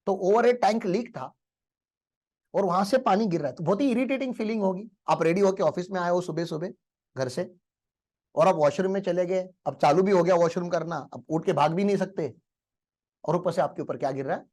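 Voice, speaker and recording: A man's voice: sits high, fairly quick, a little mellow. A male teacher giving a motivational lecture in a classroom, telling stories and asking the class rhetorical questions.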